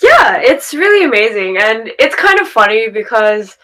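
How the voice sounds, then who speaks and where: A woman's voice: a little high, very animated, normal speed, bright, forceful tone, poor audio. An Australian woman hosting a podcast interview, chatty, laughing often and repeating words for emphasis. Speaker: podcast host.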